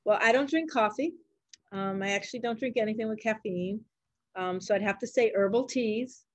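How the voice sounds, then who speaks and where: In a mid-range voice at normal speed, with no echo, an older woman replies casually to interview questions. She is a grandmother and a doctor, Puerto Rican by birth or family, a native speaker of both Spanish and English, and she speaks in simple, encouraging terms for kids.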